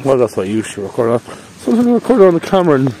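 In a casual walking vlog on a snowy park path, an Irish man talks fast into a phone at arm's length, his mid-range, dark voice swinging widely in pitch. He's chatty and rambling with playful sing-song moments. The poor recording has a little hiss or hum and faint outdoor ambience.

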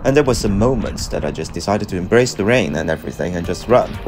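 A middle-aged man, giving a measured, reflective scripted voice-over for a running vlog. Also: low voice, lively intonation. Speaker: running vlogger. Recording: music behind the voice. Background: background music.

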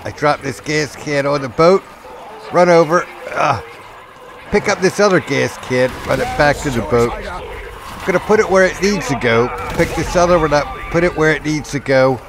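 A man's voice: on the high side, normal speed, background noise. A man casually narrating a game walkthrough, rambling and laid-back with many fillers. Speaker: gaming video host.

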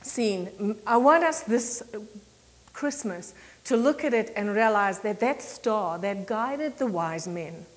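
A woman pastor from South Africa preaching a conversational sermon, telling a story with frequent laughter and lively quoted voices. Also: medium pitch, slow pace, in a large hall. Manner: chatty, laughs often, animated quoting. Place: church sanctuary.

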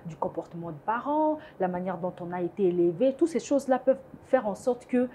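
A woman's voice: medium pitch, expressive, fairly quick, dark tone, slight background noise. A woman in her twenties, a guest in a TV studio interview, speaking emphatically and laughing easily. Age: 20s. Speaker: guest, founder of a women's platform. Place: TV studio set. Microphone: lapel mic.

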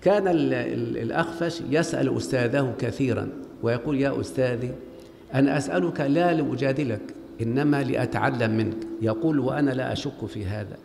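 A man's voice: medium pitch, fast, gravelly, a little mellow. A man with an Egyptian accent lecturing on Arabic grammar in a large mosque, questioning his students call-and-response style. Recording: long hall reverb, faint background noise.

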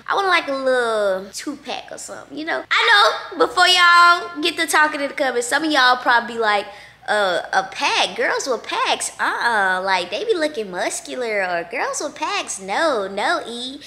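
A young woman, chatting casually to viewers from her living room about her day, errands and workouts. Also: high voice. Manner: chatty, animated, addresses viewers as y'all. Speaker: lifestyle vlogger. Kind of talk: casual vlog chat to camera. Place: bright open-plan living room, indoors.

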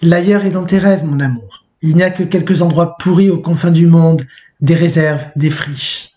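Kate, a calm young woman arguing for her tidy world, read out by a male teacher in a fairly high voice. She sounds patient and persuasive. The recording is muffled and lo-fi. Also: normal speed, close to an everyday voice.

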